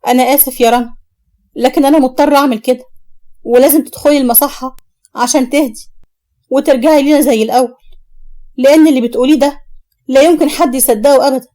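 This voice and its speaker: A stern young Egyptian brother speaks firmly, with a note of regret, played by a woman reading a story. The voice stays high and quick. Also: fairly even intonation, dark tone, lightly acted. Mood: regretful. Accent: Egyptian Arabic.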